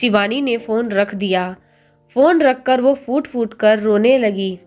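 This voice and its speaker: A woman tells a family story in a slow, measured, gentle manner. Her voice sits fairly high, and soft music plays faintly underneath. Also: lo-fi sound.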